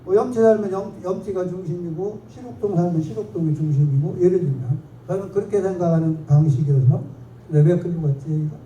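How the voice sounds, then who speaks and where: Heard from far off in an echoey lecture hall with faint noise and the highs cut off, a man gives a local history lecture while pointing at slides. His voice is high-pitched, a little fast and dark in tone, and he talks in a chatty, digressive, self-mocking way.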